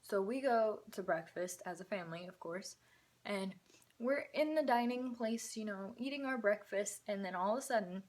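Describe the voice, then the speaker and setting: A young woman hosts her own channel and tells a story in an easy, slang-filled way. Her voice sits at a middle pitch, and she talks as if she were chatting with friends. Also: moderate pace, a little mellow. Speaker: channel host. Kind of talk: casual storytime.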